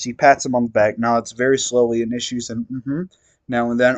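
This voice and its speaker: A man's voice: medium pitch, darkish tone. A man reading fan fiction aloud, stumbling over words now and then and adding wry asides. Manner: reads steadily, stumbles and adds wry asides. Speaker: reader.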